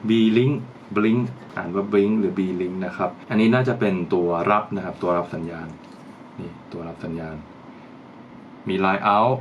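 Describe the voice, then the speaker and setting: A low-pitched man speaks at a moderate pace while unboxing gear for his channel, chatting and thinking aloud as he handles it. The audio is dull, with slight background noise.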